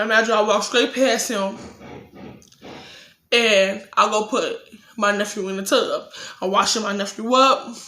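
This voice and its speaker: A woman's voice: medium pitch, pushed and bright, reverberant. A young woman telling a casual, profane storytime and acting out her own heated replies.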